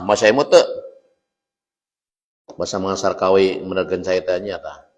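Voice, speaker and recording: A man with a Sundanese accent preaching a mosque sermon, telling stories lively, laughing and turning to his listeners. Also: low-pitched, slow. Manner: lively storytelling with laughter and asides to the audience. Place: mosque hall. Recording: echoey mosque hall.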